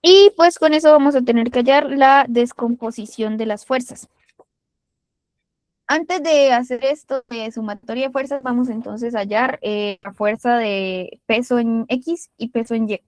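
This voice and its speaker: A woman tutor with a Colombian Spanish accent draws while patiently working through a physics problem step by step, dropping in casual fillers. Her pitch is fairly high, her pace measured, and the recording is dry.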